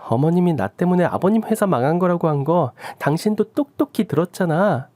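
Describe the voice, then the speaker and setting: A woman's voice: fairly low pitch, animated, fairly quick, warm tone, dry recording, close to an everyday voice. A woman voicing a fed-up young daughter-in-law who reproaches her husband in a radio drama. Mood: reproachful. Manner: pleading and reproachful.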